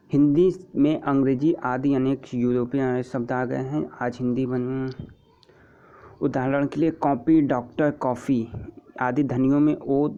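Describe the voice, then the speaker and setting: A man teaching an exam-prep lesson, patiently repeating terms and example sounds, with frequent throat clearing. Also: medium pitch, warm tone. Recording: dull lo-fi recording.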